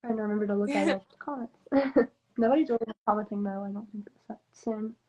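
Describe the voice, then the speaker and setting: A woman's voice: medium pitch, fast, slightly rough. Giggly young woman on a dull mic. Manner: giggly and relaxed, greets viewers. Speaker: guest. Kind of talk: casual live makeup chat. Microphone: phone on a live stream.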